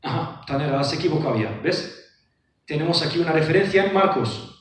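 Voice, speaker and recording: A man's voice: fairly high pitch, lively intonation, fairly quick, far from the mic. A man giving a lecture on scripture. He reads verses aloud and explains them with rhetorical questions. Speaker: book presenter. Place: lecture room. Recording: very echoey hall, voice from afar.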